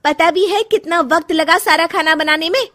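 A woman's voice: sits high, lively intonation, a little fast, music in the background, voice pushed up. A woman voicing a young daughter-in-law who is angry, defiant and given to tears. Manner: sharp, defiant, then sobbing.

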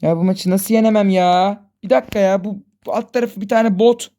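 A woman's voice: mid-range voice, fairly even intonation, brisk, dark tone, slight background noise. A woman hosting a gaming channel, giving live commentary on her own football match and pleading with and scolding her players aloud.

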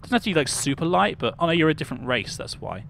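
A man's voice: on the high side, very animated, fast talker, gravelly, a bit bright, slight background noise. Chatty British man streaming a game. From United Kingdom. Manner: chatty, greets viewers, thinks aloud, laughs often. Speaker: livestreamer. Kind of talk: casual game livestream chat.

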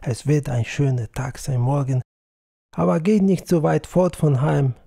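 A calm, tender old peasant on his deathbed, talking slowly and with resignation, as a man reading an audiobook plays him. The voice is gravelly and husky, with a dark tone. The recording is dry and close. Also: on the high side, dry recording. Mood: tender resigned. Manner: slow, gentle, resigned speech.

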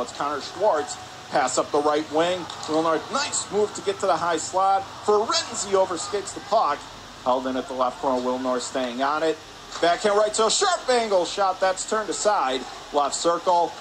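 Calling live radio hockey from indoor rink stands, this announcer uses clipped running phrases that climb as the action builds. His fairly high voice has lively intonation and a moderate pace, with clear rink noise in the background.

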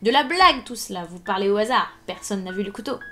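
A cornered male servant accused of murder, his protests jumping high and loud before they crumble into a stammer, played by a woman reading a novel aloud. Faint music runs underneath the reading. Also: lively intonation, fast talker, lightly acted. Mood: defiant. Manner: protesting, panicky, stammering denials. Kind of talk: live audiobook reading.

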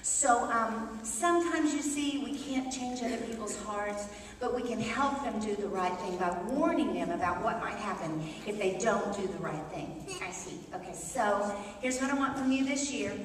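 A middle-aged woman giving a gently instructive children's sermon as a chat with a puppet in a church. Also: medium pitch, lively intonation, moderate pace. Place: large church sanctuary, indoors. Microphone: distant camera. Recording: echoey church hall from far off, faint noise.

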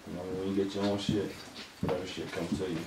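A man co-hosting a casual panel talk show, loud and teasing, laughing often. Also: low voice, level tone, a little fast. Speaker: podcast co-host. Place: studio with panel table. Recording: echoey room, distant mic, noisy.

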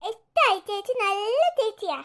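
A clingy little ghost boy whimpers for his big sister in a very high, piping voice, played by a woman. He sounds bright and thin, like a sweet lonely child in a cartoon. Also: lively intonation, unhurried, heavily acted. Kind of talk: cartoon voice acting.

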